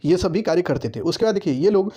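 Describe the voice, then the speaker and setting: Over lo-fi sound, a man with a high-pitched, mellow, slightly breathy voice talks fast and animatedly through an exam history lesson. He directs students on what to write and repeatedly checks in with "ठीक है."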